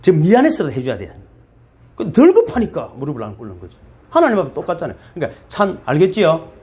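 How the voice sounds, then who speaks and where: A middle-aged man with a Gyeongsang Korean accent preaching a sermon as pastor, in a lively, folksy way with playful asides to the congregation. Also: a little high, fast talker, slightly rough. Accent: Gyeongsang Korean dialect.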